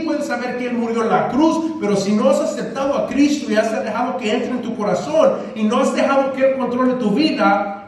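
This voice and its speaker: A man preaching a sermon as pastor, using emphatic repetition and calling the congregation brothers. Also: extremely high pitch. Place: church sanctuary. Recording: echoey church hall, mic at a distance.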